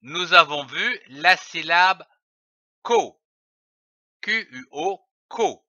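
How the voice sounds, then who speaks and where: A man leads a children's reading lesson at a very slow, careful pace, spelling out letters one by one before saying each syllable. His high, lively voice has a bright edge. The recording sounds dull, lo-fi and dry. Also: no room sound. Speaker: reading teacher.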